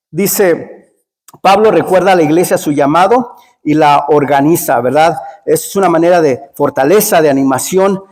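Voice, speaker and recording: A man's voice: fairly high pitch, darkish tone. A man preaching a sermon in a church, chatty and storytelling, often asking "right?". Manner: conversational, storytelling with frequent "¿verdad?". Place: church hall. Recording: long hall reverb.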